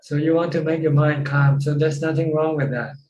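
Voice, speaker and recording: A monk speaks in a flat, level tone with a dark, mellow voice. He explains simply and repeats phrases as he answers. The call audio is roomy and dull. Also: fairly high pitch, brisk. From Thailand. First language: Thai. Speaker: Buddhist monk teacher. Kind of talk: dharma Q&A talk. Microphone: video call.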